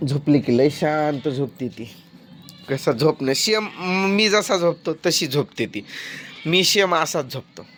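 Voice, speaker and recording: Man, slow and blunt, casual phone vlog scolding his household; faint hiss in the background. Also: a little high, expressive, a bit bright. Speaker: rural vlogger filming his family. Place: farmyard at home with animals. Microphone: phone camera.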